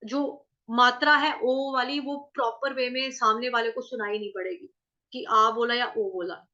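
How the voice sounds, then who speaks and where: A woman teaching Sanskrit verse pronunciation, sounding out syllables slowly and asking and answering her own questions. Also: fairly high pitch, steady tone, sharp tone. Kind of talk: pronunciation lesson, slow syllable-by-syllable chanting. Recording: dull lo-fi recording.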